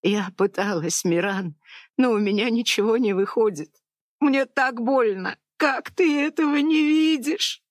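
A narrator voicing a tearful young wife who pleads with her husband in a high, trembling voice. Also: moderate pace, vocal fry, hardly any pauses, a little mellow, no echo, studio quality. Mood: tearful pleading. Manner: high, trembling, sobbing pleas. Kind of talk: audiobook character voice.

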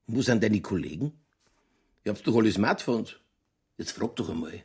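In a German radio crime drama, an actor voices a stubborn, provocative Bavarian police detective who holds forth in colloquial dialect. His husky, gravelly male voice is lowish and animated at a moderate pace, coming across as pushy and colloquial.

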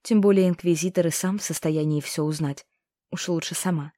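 Female audiobook narrator, mellow and hushed, dry close recording. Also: on the low side, fairly even intonation, brisk, no echo. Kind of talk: first-person audiobook narration.

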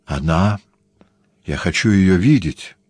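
Young lovesick lieutenant, agitated, exclaiming, a man voicing him, low voice, dry. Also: expressive, slow, a little mellow, husky, no echo, full character voice. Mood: distressed. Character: young grieving male army lieutenant, lovesick.

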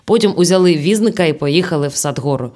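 A woman narrating an audiobook in a lively storytelling manner. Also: low-pitched, fast.

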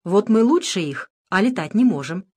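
A woman's voice: mid-range voice, expressive, normal speed, a little mellow, breathy edge. A woman reading the part of a cheerful teenage girl, speaking in a playful, smiling way.

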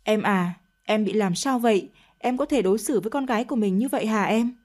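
A woman's voice: medium pitch, fairly quick, darkish tone, lightly acted. A woman voicing a heartbroken older husband who pleads with his wife in a read-aloud story. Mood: pleading. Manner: pleading, reproachful. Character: middle-aged man, heartbroken old husband pleading.

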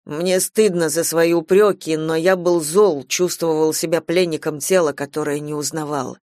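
A woman voicing a grieving, remorseful man who pleads slowly and brokenly with his wife. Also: low voice, steady tone, darkish tone, no echo, studio quality, natural voice.

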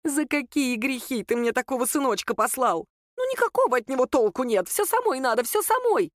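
A woman's voice: high-pitched, expressive, measured pace, dry recording, clean studio sound, voice pushed up. A woman reading a story aloud and voicing a scheming, fussing older mother-in-law who coaxes and scolds. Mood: scolding. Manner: fussing, coaxing, then scolding in hushed tones.

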